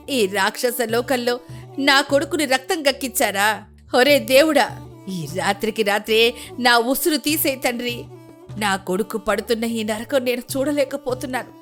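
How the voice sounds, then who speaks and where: A woman's voice: a little high, a bit bright, close to an everyday voice. A woman doing an anguished old village mother. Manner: wailing, lamenting.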